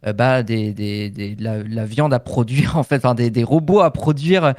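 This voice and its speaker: A man's voice: medium pitch, normal speed, darkish tone, no echo, clean studio sound. A man in a casual news discussion, speaking hesitantly and picking his phrasing with care as a panelist.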